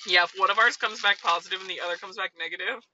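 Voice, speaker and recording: A woman's voice: mid-range voice, very fast, muffled recording, noisy background. A young woman co-hosting a podcast, chatting casually in a parked car and eating as she talks. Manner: chatty, eating between lines. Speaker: podcast co-host.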